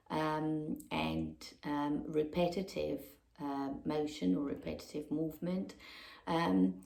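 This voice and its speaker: A woman yoga teacher explaining a practice off the cuff, halting often with ums and restarts. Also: low voice, gravelly, dark tone. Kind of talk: unscripted explanation. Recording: echoey room.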